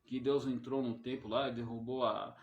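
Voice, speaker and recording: A man with a Brazilian Portuguese accent preaching a fiery sermon as an evangelist. He talks emphatically, rising loud on key words and then dropping soft on the little "my brother" tags. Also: medium pitch, flat delivery, normal speed, vocal fry, lo-fi sound. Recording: roomy echoey sound.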